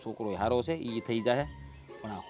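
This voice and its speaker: An actor playing a harried brother who coaxes and grumbles in a rustic way. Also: male voice, medium pitch, moderate pace, darkish tone, soft background music, natural voice. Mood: coaxing. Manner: coaxing, exasperated, rustic. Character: harried, placating brother of adult age. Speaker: actor in a family drama.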